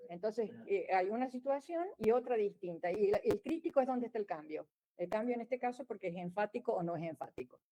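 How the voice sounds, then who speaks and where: Warm-voiced woman lecturing. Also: mid-range voice, lively intonation, a little fast, hardly any pauses, low-quality recording. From Argentina. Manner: explanatory, wry, with frequent restarts. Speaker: geologist giving a lecture. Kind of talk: conference lecture.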